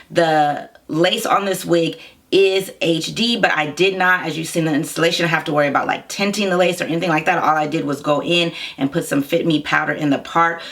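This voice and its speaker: Hoarse, creaky low-voiced woman reviewer. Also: fairly bright tone. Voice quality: hoarse, froggy. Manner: chatty, informal, direct address. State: hoarse from getting over being sick. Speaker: wig reviewer, hair care company founder. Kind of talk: casual product review to viewers.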